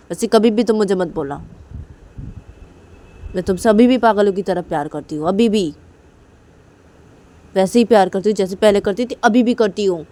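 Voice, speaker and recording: Emotional young woman in love, high and pleading, voiced by a woman storyteller. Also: warm tone. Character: young woman in love, upset about her mother. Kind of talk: storytelling with acted dialogue.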